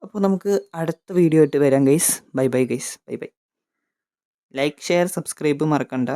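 A young man from Kerala, giving excitable casual commentary as a gaming YouTuber, shouting at the game and talking to viewers. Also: a little high, moderate pace.

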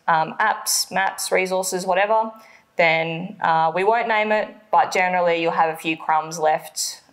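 Australian woman, thirties, lowish pitch, casual chatty explainer, home living room. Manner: chatty, lots of ums, laughs easily. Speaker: vlog co-host.

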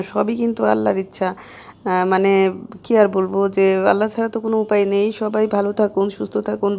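A woman vlogger chatting casually to her followers in a hesitant, rambling, repetitive way with many filled pauses. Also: medium pitch, gravelly, a little mellow. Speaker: social media vlogger. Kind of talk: casual chat to followers while snacking.

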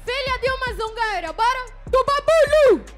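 A woman's voice: extremely high pitch, expressive, moderate pace, fairly bright tone, faint music behind. A woman with an Angolan Portuguese accent firing defiant battle rap comebacks on a club stage. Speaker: battle rapper. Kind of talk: rap battle verses over a crowd. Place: indoor club stage with a crowd.

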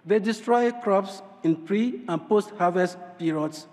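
A man with a distinctly high voice reads a formal introduction from a podium. His delivery is measured and deliberate, and the big hall rings around him. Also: a little mellow. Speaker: introducer at a conference. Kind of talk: formal scripted introduction read aloud. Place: large indoor auditorium podium. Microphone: podium microphone. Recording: reverberant large hall.

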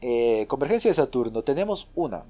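A man hosts a let's play video and commentates as he plays. He is excitable and chatty, repeating short phrases in quick bursts and speaking straight to his viewers. His voice is mellow, and its pitch jumps around a lot. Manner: chatty, addresses viewers as a group. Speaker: gaming video host.

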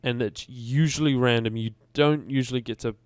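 A man's voice: medium pitch, fairly even intonation, normal speed, clean tone, no echo. A man hosting a casual game-coding tutorial, chatty and rambling, who often stops to correct himself. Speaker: game development tutorial host.

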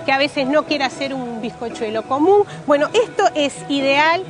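A woman's voice: high voice, lively intonation, moderate pace. A woman in her forties with a Rioplatense Spanish accent, giving a live cooking demonstration step by step at an outdoor fair stand, repeating key words as she goes. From Uruguay. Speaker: pastry cook. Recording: music playing behind, outdoors.

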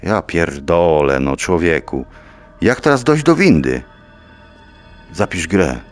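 A man commenting on a horror game as he plays, his voice leaping from low mutters to high panicked yells. He talks slowly, swears a lot and hushes himself in whispers. Faint music sits behind him. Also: huge pitch swings. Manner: jumpy, swears a lot, shrieks when scared, mutters to himself. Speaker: gaming YouTuber.

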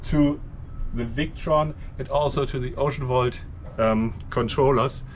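Technical boat owner explaining gear. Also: male voice, mid-range voice, fairly even intonation, measured pace, slight background noise. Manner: technical, explains while pointing at equipment. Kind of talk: explanatory interview answers. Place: cramped engine hatch of a moored catamaran, outdoors.

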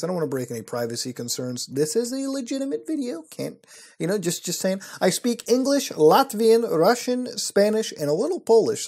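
At night in a small room, a young host reads websites aloud on his show and reacts with wry, profane commentary in a casual style. His voice is high-pitched and a little mellow.

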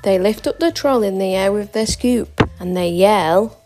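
A woman reading a rhyming picture book aloud with a steady, rhythmic delivery. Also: mid-range voice, a little slow. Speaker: storybook reader. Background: soft music.

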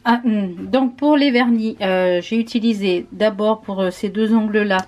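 A woman vlogging casually to camera, hoarse and out of breath, chatty and full of hesitant fillers. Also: mid-range voice, moderate pace, a little mellow. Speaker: beauty vlogger. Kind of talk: casual vlog chat to camera.

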